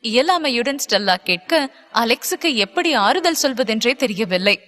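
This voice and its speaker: A woman narrating a dramatic audiobook in a measured, scripted way. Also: a little high, big pitch swings, fairly bright tone, in a large hall.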